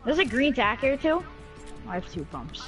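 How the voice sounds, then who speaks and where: A man's voice: very high-pitched, very animated, moderate pace, a bit bright, faint music behind. A male gamer chatting casually with friends during a match, laid-back and peppering his talk with slang. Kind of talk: casual gaming chat with friends.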